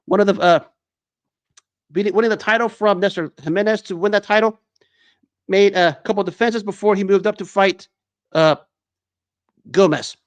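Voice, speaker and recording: High-voiced man hosting sports talk. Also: normal speed, pauses often. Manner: enthusiastic, stop-start with restarts and fillers. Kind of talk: unscripted sports commentary monologue.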